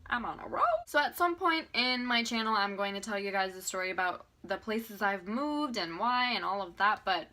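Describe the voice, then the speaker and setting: A woman in her twenties from Venezuela, telling a chatty, animated storytime on her vlog and laughing often. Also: medium pitch, moderate pace, few pauses. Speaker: beauty vlogger.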